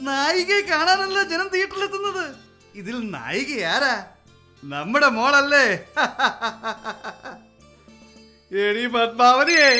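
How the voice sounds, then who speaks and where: A woman's voice: fairly high pitch, sharp tone, exaggerated voice. A woman voicing a boastful, scheming middle-aged father who brags about his actress daughter, with faint music behind. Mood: bossy. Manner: bragging, sly, scheming.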